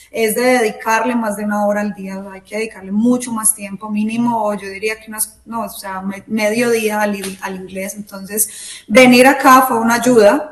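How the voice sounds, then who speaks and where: A woman, a guest in a casual interview, who explains things step by step and gives examples. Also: fairly high pitch. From Latin America. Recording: echoey room.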